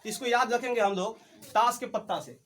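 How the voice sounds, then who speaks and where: High-voiced teacher quizzing a class. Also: male voice, a little fast, pushed and bright, faint music behind. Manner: drills the class with call-and-response questions. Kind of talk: classroom lesson. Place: classroom with students.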